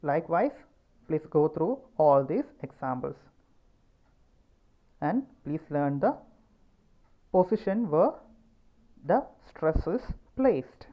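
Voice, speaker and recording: A woman teacher with a Malayali accent giving a pronunciation lesson, speaking slowly and repeating words to show where the stress falls. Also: low-pitched, big pitch swings, muffled recording.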